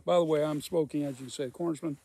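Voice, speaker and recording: A man's voice: fairly high pitch, steady tone, fast, warm tone, slightly rough. A man telling a folksy, rambling work story in casual speech while smoking a pipe. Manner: folksy, rambling, repeats himself. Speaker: storyteller, former welder.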